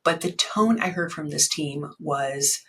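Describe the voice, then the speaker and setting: Enthusiastic woman podcast host, husky voice. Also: low-pitched, a little slow. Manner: enthusiastic, many ums and restarts. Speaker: podcast host and fundraising consultant. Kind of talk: podcast intro and interview.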